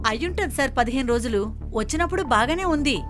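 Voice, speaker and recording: A woman's voice: high-pitched, expressive, fast talker, music in the background. A gossipy nosy landlady. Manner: gossipy, chatty.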